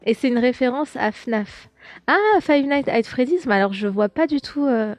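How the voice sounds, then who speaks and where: A woman's voice: high-pitched, expressive, normal speed, no echo, faint music behind. Young woman, chatty podcast host, filler-heavy talk, dry close sound. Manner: chatty, lots of fillers and restarts. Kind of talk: casual chat reading viewer comments.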